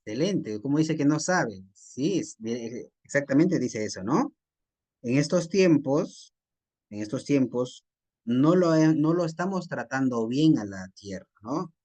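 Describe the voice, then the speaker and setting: Slow-talking man teaching a class. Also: mid-range voice, animated, darkish tone. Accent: Peruvian Spanish. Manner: slow, repetitive teacher talk with frequent tag questions. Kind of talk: online class explaining a text.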